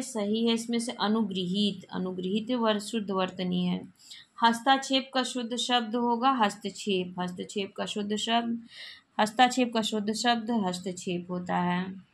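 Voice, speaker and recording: A woman with a fairly high, fairly bright voice teaches Hindi grammar, going through exam spelling questions and explaining the proper forms. She tends to repeat them, with an occasional cough.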